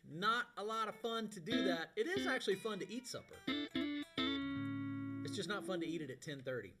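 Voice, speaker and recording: Folksy man hosting live, higher-pitched, warehouse sound. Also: big pitch swings, brisk. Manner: folksy, informal, colloquial. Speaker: host of a live music show. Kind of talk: casual live show chat. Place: warehouse space. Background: guitar playing.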